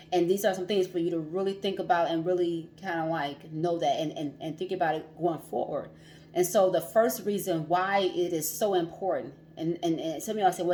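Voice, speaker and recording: Chatty woman coach, low voice. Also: darkish tone, slight background noise. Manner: chatty, laughs often, repeats herself. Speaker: financial coach and livestream host. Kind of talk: casual livestream talk.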